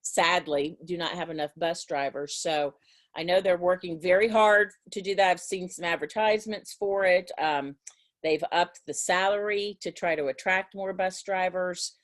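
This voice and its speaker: A woman's voice: on the low side, steady tone, normal speed. A woman teacher talking to her class over a video call in a casual, rambling way, with many restarts. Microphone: video call mic.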